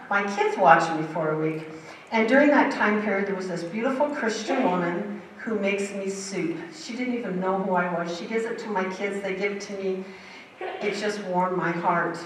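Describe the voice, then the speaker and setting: Far from the microphone, an older woman relates her story as a testimony, vivid and emphatic, in a church sanctuary. Her voice sits in the mid-range, the hall is very echoey, and there's slight background noise.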